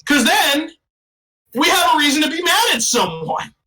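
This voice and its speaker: A man's voice: extremely high pitch, very animated, moderate pace, bright, forceful tone, low-quality recording. A man in his thirties co-hosting a comedy podcast, rambling through jokes and mocking himself in casual banter. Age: 30s. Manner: rambling, joking, self-mocking. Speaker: podcast co-host.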